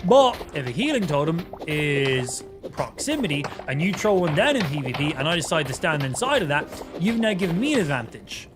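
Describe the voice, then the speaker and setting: Lively man streamer, slightly impeded casual speech. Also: a little high, brisk. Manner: casual, sweary, easygoing. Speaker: game livestreamer. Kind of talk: casual livestream chat and game commentary. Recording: music behind the voice. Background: music.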